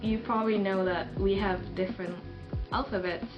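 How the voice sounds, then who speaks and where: A woman's voice: medium pitch, steady tone, lo-fi sound, music in the background. A young woman from Japan with a Japanese accent, co-hosting a casual podcast in a careful, friendly way. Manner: slow, careful, friendly, laughs often. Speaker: podcast co-host, visitor services coordinator. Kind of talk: casual chat.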